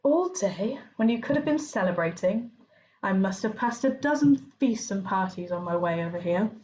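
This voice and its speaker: A woman voicing a calm, gently amused old male wizard headmaster, in a storybook reading. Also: mid-range voice, normal speed, dull audio, slight background noise, lightly acted. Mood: light.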